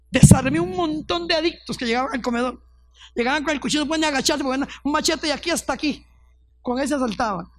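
A high-voiced, middle-aged woman pastor preaches her testimony with fervor. She acts out the people in her stories as she goes. The sound is dry and close. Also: no room sound. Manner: fervent storytelling, acts out quoted voices. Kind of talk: testimony sermon.

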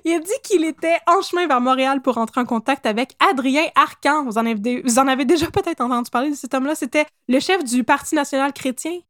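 A woman with a Québécois accent hosting a podcast, telling a history story in a casual, animated, joking way. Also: high voice, fast talker, few pauses, dry recording, clean studio sound. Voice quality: animated, jokey, laughs often.

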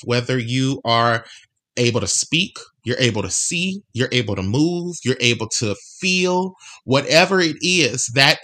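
A man with a bright, forward voice talks earnestly through a solo motivational podcast. He encourages the listener, repeats phrases to drive them home and stretches out the words he wants to land. His pitch sits in an ordinary middle register. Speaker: podcast host.

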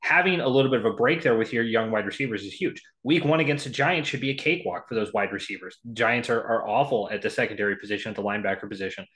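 A man's voice: on the low side, quick pace, few pauses, fairly bright tone. A man co-hosting a sports podcast, talking casually, rattling off statistics with frequent ums and restarts. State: has the hiccups. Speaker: podcast co-host. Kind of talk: casual sports prediction talk.

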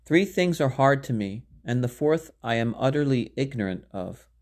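A man reading scripture aloud in a measured, solemn way, phrasing archaic verse with care. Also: medium pitch, lively intonation, darkish tone. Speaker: Bible reader.

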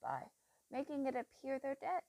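A woman voicing a treacherous old male doctor who talks in low, slow, intense murmurs that flare into sudden loud bursts. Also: sing-song, dry recording. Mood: menacing, obsessive.

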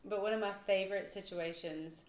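A woman, co-hosting a casual Bible discussion, chatty and quick to laugh at herself. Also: mid-range voice, steady tone. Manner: chatty, laughs often, self-deprecating. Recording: echoey room with faint noise.

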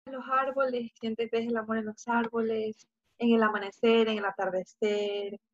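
A woman in casual conversation, calm and affirming, speaking reflectively. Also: a little high, moderate pace, lo-fi sound, slight background noise.

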